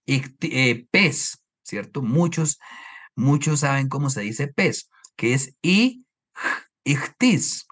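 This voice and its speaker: A man from Colombia with a highland Colombian accent teaches an online course from his slides. He explains each point patiently, often pausing to ask his students rhetorical questions and check that they follow. His voice comes through a computer microphone on a video call. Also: animated, fairly bright tone. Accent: Colombian highland Spanish. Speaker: Bible course lecturer.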